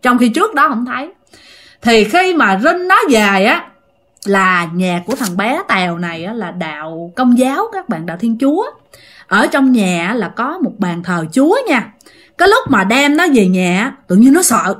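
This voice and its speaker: A woman's voice: fairly high pitch, very animated, normal speed, a bit bright. A woman with a Southern Vietnamese accent telling a ghost story in a casual, chatty way, talking straight to her listeners. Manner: chatty, addresses listeners directly.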